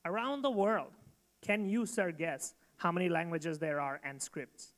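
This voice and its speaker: A man from Bangladesh giving a rehearsed startup pitch to an audience, emphatic and direct. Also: lively intonation, a little slow, fairly bright tone. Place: event hall. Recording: long hall reverb.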